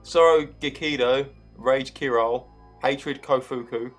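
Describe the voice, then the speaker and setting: A man's voice: mid-range voice, steady tone, slow, faint music behind. A man reading a story aloud to friends, exasperated, swearing and stumbling over the names. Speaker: reader of the story. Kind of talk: casual comedic read-along.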